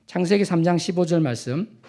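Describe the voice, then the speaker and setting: Man, pastor, sermon, high pitch, animated intonation, addresses congregation. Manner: rhetorical questions, addresses congregation; frequent drawn-out fillers.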